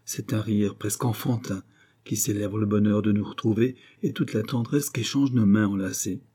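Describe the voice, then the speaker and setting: A man narrating a novel in the first person, in a measured, intimate way. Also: lowish voice, steady tone, warm tone, slightly rough. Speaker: audiobook narrator.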